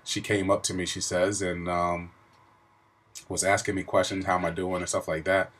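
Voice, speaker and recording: A man's voice: low voice, little pitch movement, moderate pace, fairly bright tone, slightly rough. A middle-aged man chatting casually to his viewers in a video diary, with an informal, emphatic storytelling manner. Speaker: vlogger.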